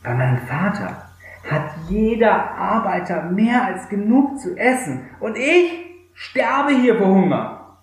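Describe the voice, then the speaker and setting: A man's voice: high voice, pitched above the performer's own voice, exaggerated voice. A man reading aloud who voices a desperate, remorseful young son, recorded in a very echoey room.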